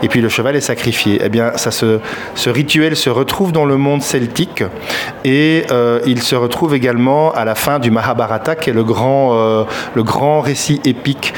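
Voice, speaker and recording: A man's voice: medium pitch, a little hiss or hum. Hesitant man musing aloud. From Belgium. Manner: thoughtful, hesitant, many filler pauses. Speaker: fantasy author. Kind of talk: reflective interview answers.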